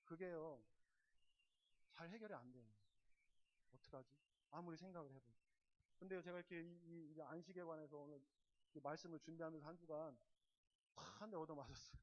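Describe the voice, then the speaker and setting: A pastor with a fairly high male voice preaches at a midweek prayer service, heard on a slightly dull, lo-fi church recording. He leans hard into key words, then drops to quiet, confiding asides. He keeps pressing the congregation with repeated questions. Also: steady tone, fairly quick, pauses often. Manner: swings from loud emphatic stresses to soft, low asides. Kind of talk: sermon.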